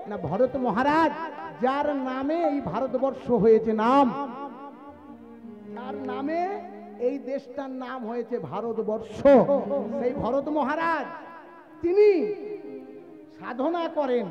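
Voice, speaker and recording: A man giving a devotional sermon at a live gathering, asking the crowd rhetorical questions and calling for quiet. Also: very high voice, measured pace, long pauses, highs cut off, music in the background. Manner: asks the crowd rhetorical questions and hushes them. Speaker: kirtan preacher.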